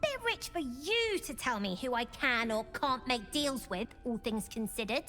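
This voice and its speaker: This is video game character acting: a scrappy, defiant, streetwise young girl who leads a gang. Her voice is bright and forceful, with a very animated pitch, at a normal speed. She sounds cheeky and uses informal street grammar over music.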